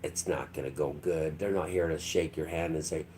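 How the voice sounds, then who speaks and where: Brief: deep, mellow-toned male livestream host, rambling monologue, slight room hum behind. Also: steady tone, normal speed. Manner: rambling, acts out quotes in mock voices. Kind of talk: rambling live-stream monologue.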